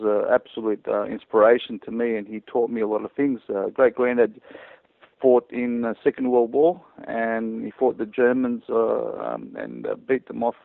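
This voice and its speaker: Over a tinny phone-line call, a guest hunter from Croatia rambles through casual stories on a hunting podcast, hesitating and chuckling as he goes. He has a lowish, creaky voice with no echo.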